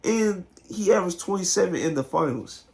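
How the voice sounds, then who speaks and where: A man with a hoarse, partly lost voice giving casual, slangy sports commentary straight to his viewers. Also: high voice, expressive, a little fast, darkish tone. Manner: informal, slangy, talks directly to viewers. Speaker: sports video host. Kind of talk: casual basketball commentary to camera.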